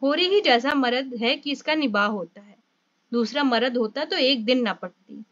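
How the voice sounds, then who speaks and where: A woman's voice: sits high, expressive, normal speed, fairly bright tone, muffled recording. A woman voicing Dulari, a gossiping village shopkeeper woman who needles. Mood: needling.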